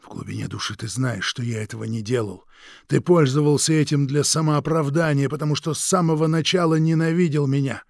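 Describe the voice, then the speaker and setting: A man voicing a tired old man who answers his brother softly and sometimes in a whisper in an audiobook reading. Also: fairly quick, vocal fry, no echo, clean studio sound. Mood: pleading, reproachful. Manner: tired, low, half-whispered. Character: weary old man, worn out and quietly refusing.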